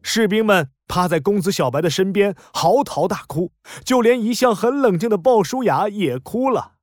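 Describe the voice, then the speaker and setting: A man narrating a children's story in an expressive, explanatory way. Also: sits high, normal speed, dry recording, clean studio sound.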